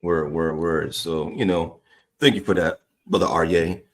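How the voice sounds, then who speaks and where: A man's voice: sits low, steady tone, measured pace. A man hosting a podcast, prompting his co-host in laid-back casual chat.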